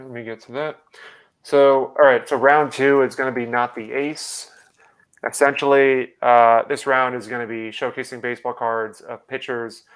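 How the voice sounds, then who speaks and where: Brief: man, trivia host on a video call, smooth clear tone, halting with fillers. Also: mid-range voice. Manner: hesitant, many fillers and restarts. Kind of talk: live online quiz hosting.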